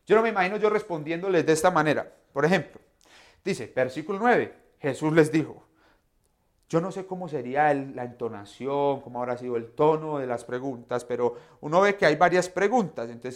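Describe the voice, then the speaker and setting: Man, devotional bible talk, hushed then emphatic bursts, reflective explaining. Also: fairly high pitch, lively intonation, a little fast. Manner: swings from hushed to loud emphatic peaks; reflective, explains scripture in own words. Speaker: preacher and vocal teacher.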